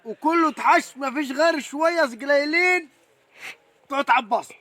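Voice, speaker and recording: A man playing a gruff farmer, scolding and threatening a neighbor over his clover. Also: very high-pitched, moderate pace, sharp tone, dry recording.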